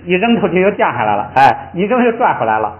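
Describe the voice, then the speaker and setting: Older guy teaching tones, slightly high voice, repeats sounds slowly, echoey room. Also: very animated, phone-quality sound. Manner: demonstrates tones by drawing out and repeating syllables. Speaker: Tibetan language teacher. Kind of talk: lively classroom explanation.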